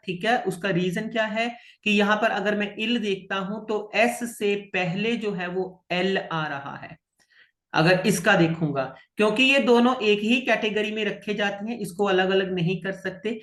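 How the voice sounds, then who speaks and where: Patient, slow-talking male language teacher. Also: high voice, fairly bright tone, roomy sound. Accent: Indian. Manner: patient, repeats and checks understanding. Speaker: French teacher. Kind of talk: online French lesson.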